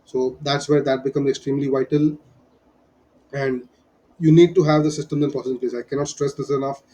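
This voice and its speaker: Male business explainer, Indian accent, slightly high pitch, soft-edged tone, emphatic advisor who drives points home by repetition. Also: steady tone, fairly quick, poor audio. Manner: emphatic, repeats key points. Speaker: business advisor teaching startup fundraising. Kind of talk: explanatory lesson.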